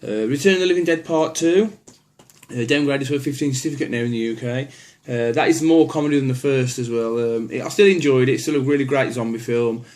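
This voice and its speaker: A man's voice: mid-range voice, fast talker, darkish tone, slight background noise. A man casually walking through his horror film collection, rambling with many ums and restarts. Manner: easygoing, plainspoken opinions.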